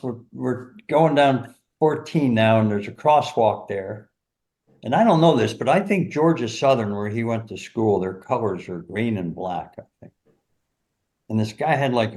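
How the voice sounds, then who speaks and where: Older man telling lively golf stories. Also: on the low side. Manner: animated, laughs through stories, many "you know"s. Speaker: golf teacher and former caddie, guest. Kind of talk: anecdotal storytelling in an interview.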